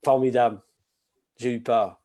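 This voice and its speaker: A man with a Québécois accent talks his way through a video-call masterclass, his voice a little hoarse and warm in tone. He rambles gently with hesitations and friendly asides, sounding middle-aged and at ease. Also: medium pitch, steady tone, unhurried. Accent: Québécois French. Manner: chatty, many hesitations and asides. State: slightly hoarse, frog in the throat. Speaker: sake expert giving a masterclass. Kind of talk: online masterclass presentation.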